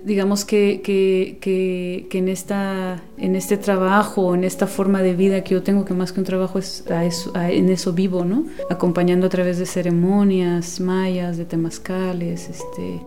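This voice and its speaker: A woman in her forties from Guatemala, a guest speaking softly in an interview and searching for words with many pauses and restarts. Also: lowish voice, monotone, faint music behind. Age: 40s. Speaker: guest, women's companion and former teacher. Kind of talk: unhurried interview talk.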